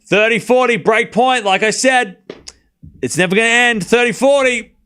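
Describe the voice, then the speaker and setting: An Australian man calls a tennis match live in a casual style, teasing and boasting as he talks straight to his chat. His voice is very high-pitched, bright, forceful and clean, at a moderate pace.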